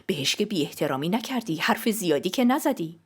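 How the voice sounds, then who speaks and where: A woman's voice: fairly low pitch, sing-song, slightly rough. Woman doing a middle-aged mother, fretful, fussing, questioning, audiobook.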